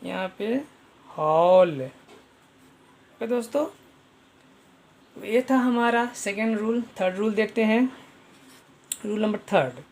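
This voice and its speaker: A man's voice: high voice, takes it slowly, pauses often. A man teaching an online pronunciation lesson, spelling out letters and repeating each sound, often addressing viewers as friends.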